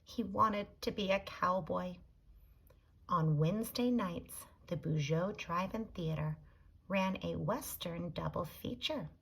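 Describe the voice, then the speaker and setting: Slow, husky woman reading a storybook. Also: lowish voice. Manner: gentle, deliberate storytelling. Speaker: teacher reading aloud. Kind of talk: storybook read-aloud.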